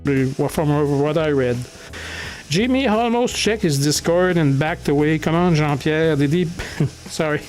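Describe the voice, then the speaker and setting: A man hosting a casual livestream who greets viewers by name and reads their chat aloud, talking haltingly with lots of restarts and chuckles. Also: fairly high pitch, darkish tone, soft background music. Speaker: livestream host.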